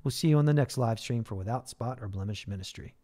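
A man's voice: mid-range voice, fast talker. A man hosting a ministry livestream, talking casually and leading an earnest spoken prayer, with fillers and restarts. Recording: livestream broadcast.

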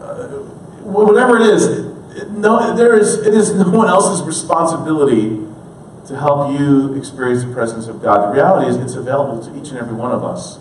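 Male pastor, earnest sermon, higher-pitched voice, hushed to emphatic, roomy church sound, a little away from the mic. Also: brisk, slight background noise. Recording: roomy, distant church recording.

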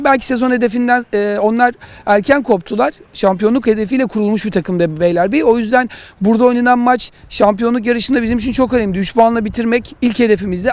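Male football pundit, high-pitched voice, analytical match discussion, halting explanatory phrasing. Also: a little mellow.

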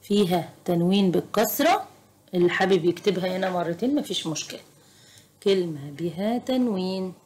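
A woman with an Egyptian Arabic accent tutoring young children in Arabic grammar, slow, patient and encouraging. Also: on the low side, a little mellow. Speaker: private tutor. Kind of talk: teaching a children's Arabic lesson.

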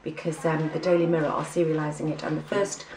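A woman's voice: low-pitched, little pitch movement, fast, darkish tone, reverberant, far from the mic, a little hiss or hum, low-quality recording. A woman with an English accent giving a breezy, chatty catch-up to camera, full of ums. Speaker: vlogger giving a personal catch-up. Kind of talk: casual chat to camera.

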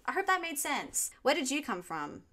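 A young Australian woman talking straight to a desk camera in a small room at home. She chats in a loose, animated way, hands moving as she talks, answering viewer questions like she's catching up with friends. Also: high voice, moderate pace. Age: 20s. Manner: chatty and animated, gesturing with her hands. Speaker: YouTube music reaction host. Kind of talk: casual Q&A vlog.

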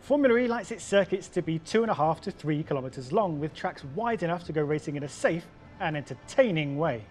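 A young man presenting an explainer outdoors, his voice sitting a bit high and his delivery lively and wry. He speaks straight to camera on location. Faint music plays underneath. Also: fairly quick, few pauses. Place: outdoors by a waterfront and an exhibition centre.

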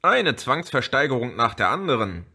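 A man's voice: medium pitch, big pitch swings, moderate pace, pushed and bright, slightly rough, exaggerated voice. A man reading an audiobook, voicing an indignant teenage boy who lectures gloomily. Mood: indignant lecturing. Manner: heated, preachy, indignant. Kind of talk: audiobook character voice.

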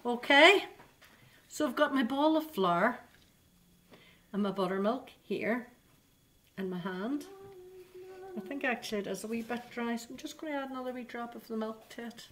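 Speaking straight to the children watching, this older baking host leads a cooking lesson in her own kitchen, chatty and full of coaxing questions. Her voice sits a little high and a bit bright, with a moderate pace broken by long pauses. A faint hiss or hum runs under the audio.

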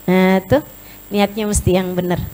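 A woman's voice: medium pitch, little pitch movement, moderate pace, dark tone, slight background noise. A woman giving an emotive sermon as a religious teacher, addressing her listeners as friends and sisters.

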